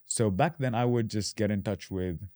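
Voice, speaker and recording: A man from Dubai in his thirties, a podcast guest talking casually and explaining his path with relaxed fillers. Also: lowish voice, normal speed, dry recording, studio quality. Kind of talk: casual interview.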